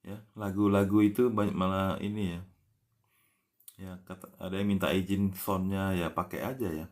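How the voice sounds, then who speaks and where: A man giving a casual language lesson, patiently explaining words and spelling them out letter by letter, ending many phrases with a soft "ya". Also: deep voice, level tone, moderate pace. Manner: frequent tag "ya" after phrases. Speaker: language teacher.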